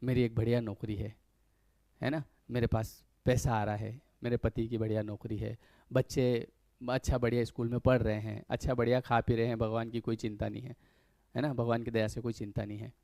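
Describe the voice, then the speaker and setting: A man's voice: mid-range voice, little pitch movement, a little fast, warm tone, no room sound. A man giving a conversational motivational spiritual talk, earnest, full of rhetorical questions and little acted-out quotes.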